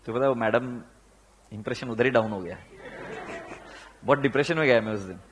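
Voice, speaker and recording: A man with an Indian accent teaching accounts, telling animated anecdotes and acting out the people in them, with rhetorical questions to his students. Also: medium pitch, a little fast, slight background noise. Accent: Indian, Pune area. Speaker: accounts lecturer. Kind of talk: storytelling lecture mixing Hindi and English.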